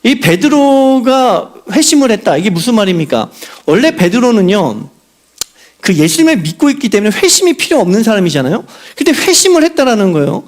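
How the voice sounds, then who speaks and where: A man's voice: high-pitched, sing-song, brisk. A male pastor preaching a sermon in a conversational way, asking rhetorical questions and acting out quotes. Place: church sanctuary.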